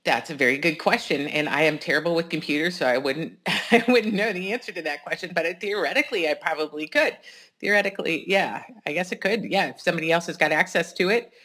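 A woman co-hosting a casual podcast discussion, explaining things in a measured, hedging way. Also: deep voice, a bit bright. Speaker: podcast co-host.

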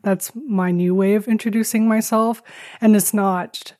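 A woman's voice: medium pitch, fairly even intonation, measured pace, a little mellow, no echo, studio quality. A woman from Taiwan, speaking candidly and a little hesitantly as an interview guest, with a self-deprecating touch. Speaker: podcast guest.

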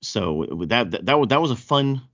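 A man's voice: mid-range voice, very animated, normal speed. A man with a thick Southern US accent hosting a casual podcast chat, often stammering and repeating words as he goes. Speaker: podcast host. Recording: dull, roomy echo.

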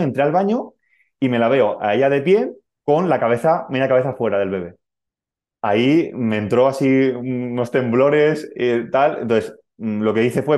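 A man with a mellow, darker voice tells a personal story as a podcast guest. He retells it with feeling and acts out the voices of the people he quotes. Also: mid-range voice.

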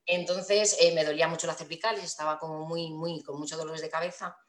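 A woman's voice: deep voice, fairly even intonation, fairly quick. A woman telling a personal story in a rambling way, with many restarts and fillers. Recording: echoey room.

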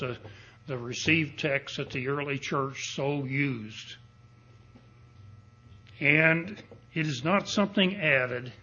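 Husky man preaching at a pulpit mic. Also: a little high, pushed and bright, muffled recording. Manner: deliberate, emphatic preaching with rising declarations. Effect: preaching at a pulpit microphone. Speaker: pastor. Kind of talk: expository sermon. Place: church sanctuary. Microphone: pulpit microphone.

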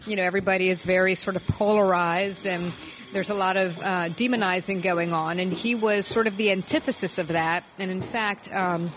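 A woman reporter co-hosting a political news podcast, calmly explaining background details in a casual chat. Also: fairly low pitch, moderate pace, a little hiss or hum, poor audio.

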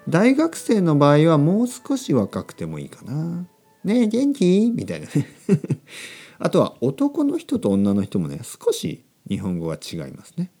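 A man in his thirties hosting a podcast for language learners, speaking slowly and simply and repeating key phrases. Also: medium pitch, mellow. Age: 30s. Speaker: podcast host teaching Japanese. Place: recorded at night.

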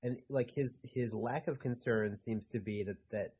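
Husky joking man co-host. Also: mid-range voice, moderate pace. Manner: animated, joking, laughs often. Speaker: podcast co-host. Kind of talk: casual chat.

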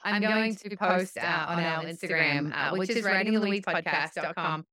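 A woman hosting a podcast, telling stories in a lively way with animated quoted speech. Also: lowish voice, moderate pace. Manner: lively storytelling, animated quoting. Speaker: podcast host. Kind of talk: podcast conversation.

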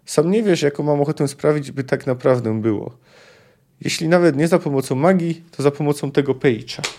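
A man's voice: fairly high pitch, brisk, warm tone. A man reading the lines of a proud, scorned sorceress in her prime from a fantasy novel, in his own voice, bitter and pleading.

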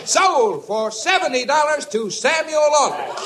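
High-voiced, folksy auctioneer calling bids. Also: male voice, animated, fairly quick, heavy background noise. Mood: brisk selling. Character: genial small-town charity auctioneer, eager and folksy. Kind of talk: old-time American radio comedy acting. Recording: old radio broadcast with crowd behind.

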